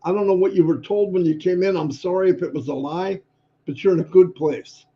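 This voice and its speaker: A man's voice: high voice, brisk. Chipper older man, muffled stream audio. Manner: chipper, rambling. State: hoarse. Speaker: livestream co-host. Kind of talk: casual livestream chat.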